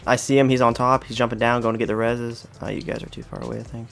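A man talking at a rapid clip while sick, hosting his gaming channel with upbeat energy. His voice sits mid-range in pitch, and he calls out enemy moves to his teammates. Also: flat delivery, creaky, a bit bright. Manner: quick, upbeat, hyped intro talk. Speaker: gaming YouTuber. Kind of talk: casual gaming commentary.

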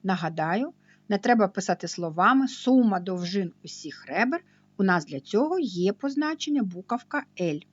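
A woman math teacher giving a slow, patient, step-by-step video lesson. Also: mid-range voice, animated, no echo, dull audio.

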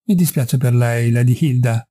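A calm, middle-aged detective speaks in short, firm and urgent sentences, as a male reader voices him. The voice is a touch low, very dark and mellow, and husky. It is an audiobook reading. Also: normal speed, lightly acted.

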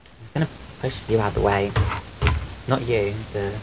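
A man with a soft voice that people often take for a woman's, chatting casually on a live stream at home and thanking his viewers. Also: on the low side, fairly even intonation, normal speed. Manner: chatty and rambling, thanks viewers while eating. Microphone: desk microphone. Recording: clear background noise on the stream mic.

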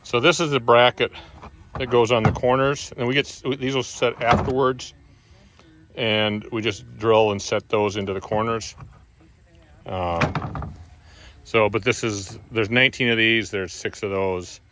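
A man explaining parts at an outdoor building site in a relaxed way, often trailing off. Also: on the low side, unhurried. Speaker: builder narrating a barn build. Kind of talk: casual on-site walkthrough. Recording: loud outdoor noise. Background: heavy outdoor noise.

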